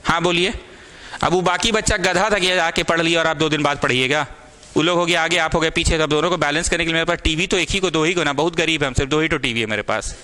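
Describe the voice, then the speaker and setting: Quick-paced and pushed, his slightly high, bright voice belongs to a young maths tutor leading a small class. He scolds students caringly and moves between Hindi and English as he speaks.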